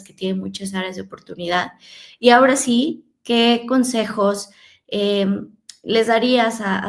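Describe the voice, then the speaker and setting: A woman's voice: mid-range voice, gravelly. A woman hosting a podcast, asking long, thoughtful questions made of several parts. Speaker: podcast host. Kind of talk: podcast interview.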